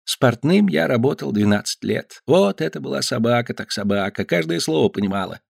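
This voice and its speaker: A man reading aloud, voicing a gentle, kindly circus clown. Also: mid-range voice, animated, a little fast, gravelly, slightly rough, no room sound, clean studio sound, exaggerated voice. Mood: fond. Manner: gentle, storytelling.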